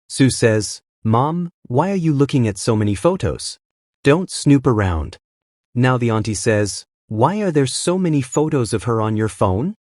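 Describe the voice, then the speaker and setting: Man recapping a manhwa with lively pitch. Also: no echo, studio quality. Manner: reads out all characters' lines in his own voice. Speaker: recap narrator.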